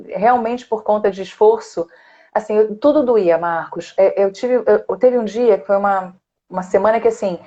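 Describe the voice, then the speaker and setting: Chatty woman speech therapist, lo-fi call. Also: medium pitch. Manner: warm, chatty, laughs often, affectionate. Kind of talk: casual live chat. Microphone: computer or phone on a video call.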